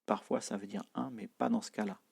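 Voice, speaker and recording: A man teaching a language lesson, explaining slowly with many hesitations and repeating example phrases. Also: on the low side, fairly even intonation, creaky, a little mellow, slightly rough.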